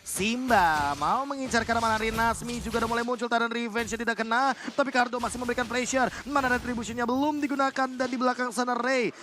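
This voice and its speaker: A man with an Indonesian accent calling a video game match live as an esports commentator, in an excited, dramatic announcer style with drawn-out calls. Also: extremely high pitch, faint music behind.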